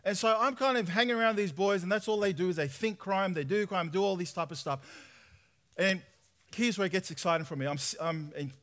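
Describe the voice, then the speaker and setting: A man's voice: high-pitched, brisk. A man in his thirties with an Australian accent giving a conversational testimony sermon at a church conference, drawing the audience in with questions. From Sydney, Australia. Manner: conversational, asks the audience questions, prays softly. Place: large tent hall with audience, indoors.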